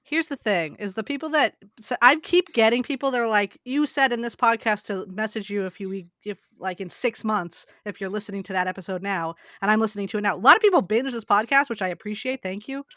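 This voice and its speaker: A woman's voice: mid-range voice, fairly quick, hardly any pauses, sharp tone, no room sound. Chatty woman podcast co-host, dry sound. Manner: chatty, rambling, trails off. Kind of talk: casual podcast chat.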